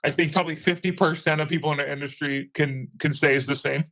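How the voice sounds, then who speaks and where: A man's voice: on the high side, fairly even intonation, fast, a bit bright. Man with a disguised, altered voice. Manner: chatty and candid, loose rambling sentences. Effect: voice altered for anonymity. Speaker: interviewee, meme page admin. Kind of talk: casual interview chat.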